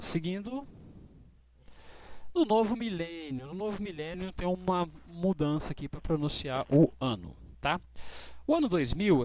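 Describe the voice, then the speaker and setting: A man teaching English dates, who explains patiently and slows right down to model each English phrase. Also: fairly high pitch, darkish tone. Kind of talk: classroom explanation.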